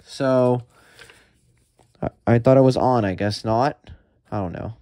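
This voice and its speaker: A man giving casual unboxing commentary as a radio collector, talking in a halting way with many restarts and fillers. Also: medium pitch. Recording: steady background noise with packaging crinkles and clicks.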